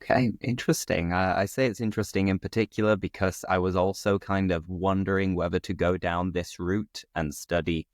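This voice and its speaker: A man's voice: low-pitched, steady tone, a little fast, hardly any pauses, dry recording. A man. He hosts a casual interview in a conversational, joking way. The recording is very dry and close. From West Yorkshire, England. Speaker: host, interviewer.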